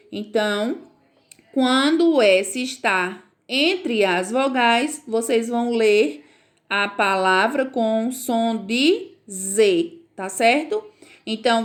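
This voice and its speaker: A Brazilian woman teaching a reading lesson to first graders, patient and drawn out, often checking that the children follow. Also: on the high side. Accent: Brazilian Portuguese.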